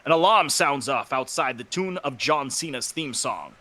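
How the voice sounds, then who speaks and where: A man's voice: mid-range voice, animated, normal speed, noisy background. A man narrating a fanfiction reading with friends, upbeat as he announces each speaker's cue. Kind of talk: casual chat and fanfiction narration.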